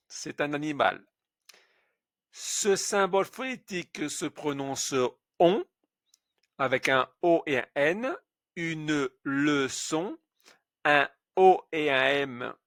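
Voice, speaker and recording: A man teaching French pronunciation, spelling out letters and saying example words slowly and clearly. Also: on the high side, fairly bright tone, no echo, studio quality. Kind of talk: slow pronunciation lesson.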